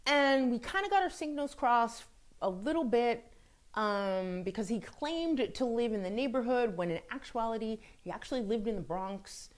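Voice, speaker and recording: A woman's voice: a little high, expressive, normal speed. A woman from France hosting her own video blog, telling a personal dating story in a candid, chatty way with blunt swearing. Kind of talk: casual storytelling monologue.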